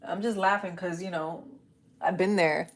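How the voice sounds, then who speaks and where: A woman's voice: fairly low pitch, steady tone, normal speed, very noisy. A woman giving a casual live-stream tarot reading, chatty and informal, swearing and laughing easily as she talks from her home setup. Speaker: tarot reader. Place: home setup, newly moved.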